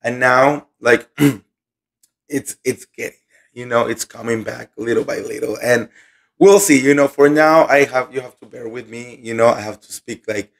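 A man hosting a gossip show, hoarse and recovering from losing his voice, chatting casually and slowly with many fillers. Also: medium pitch. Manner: chatty, filler-heavy, "you know" and "like"; speaks slowly and calmly to spare his voice.

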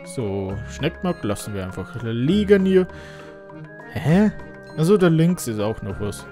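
A man giving relaxed, chatty commentary while playing a video game. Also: medium pitch, measured pace, faint music behind. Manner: relaxed, chatty, frequent laughs. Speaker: let's play host. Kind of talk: casual gameplay commentary.

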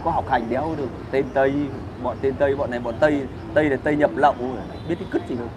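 A man's voice: medium pitch, fairly even intonation, rapid-fire, background noise. A man, hosting a casual livestream where he rants crudely and combatively while answering comments.

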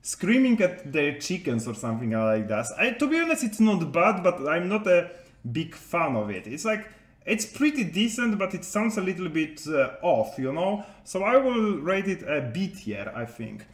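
A game content creator talks casually to his viewers in non-native English, rambling with many hesitations and restarts. His voice is high-pitched and sing-song at a moderate pace, and the recording is reverberant.

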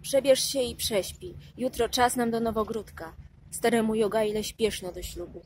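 A woman voicing a weary young older sister who speaks in hushed, muttered tones in an audiobook. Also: a little high, moderate pace, a little hiss or hum, lightly acted. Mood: tender.

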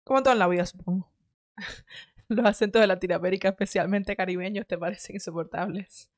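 A Cuban woman in her thirties, with a light accent, hosts a casual commentary show and reacts to clips. She talks fast and chattily, full of opinions, and often corrects herself. Her medium-pitched voice is recorded dry through a headset and an arm-mounted studio mic in a home studio room lined with shelves.

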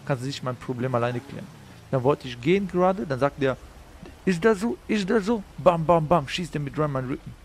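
A man's voice: medium pitch, brisk, a little hiss or hum, close to an everyday voice. A man playing a brash young street tough in a crime role-play game, retelling a quarrel in slangy, swaggering talk. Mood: indignant.

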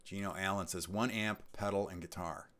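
A man's voice: low voice, fairly even intonation, moderate pace, a bit bright. A man hosting a casual live stream, reading out chat questions and answering in a rambling way with many ums and restarts. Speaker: livestream host.

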